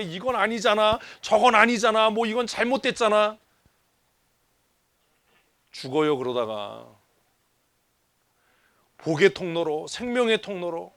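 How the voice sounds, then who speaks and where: A man preaching a sermon in church, quizzing the congregation and dropping from loud urging to low asides. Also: no echo. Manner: swings from hushed low asides to loud exhortations; asks the congregation questions and mimics grumbling people. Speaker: pastor. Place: church sanctuary.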